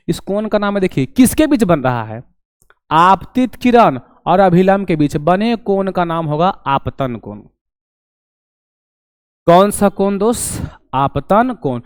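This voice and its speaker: A young man teaching an online class, animated and acting out his students' questions. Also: high voice, clean tone, dry recording, clean studio sound.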